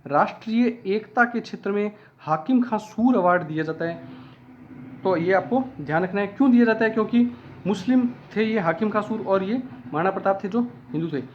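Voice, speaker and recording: A man's voice: sits high, lo-fi sound. A man teaching an online exam-prep lesson who repeats key facts and asks and answers his own questions.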